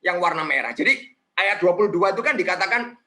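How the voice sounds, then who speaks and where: A male preacher delivers a sermon in a high, bright voice that swings widely in pitch. He keeps asking questions and tags lines with a short "ya", animated throughout. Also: quick pace. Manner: animated, questioning, frequent tag "ya".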